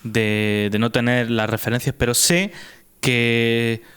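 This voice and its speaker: A male podcast host from Spain leads a relaxed interview in a smooth, clear voice. He is chatty, explains his points at length, and hedges a lot along the way. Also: medium pitch, slow pace. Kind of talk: casual interview chat.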